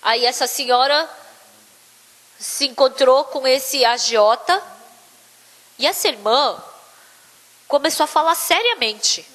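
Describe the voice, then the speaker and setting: A woman's voice: high-pitched, slow pace, long pauses. A woman telling a story as part of a sermon in a church, acting out the quotes with energy. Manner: lively, acts out quotes. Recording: long church hall reverb.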